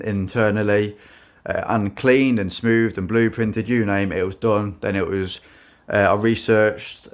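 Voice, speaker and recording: A man showing his custom motorbike in a casual vlog, speaking in a self-described monotone with many fillers and restarts. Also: on the low side.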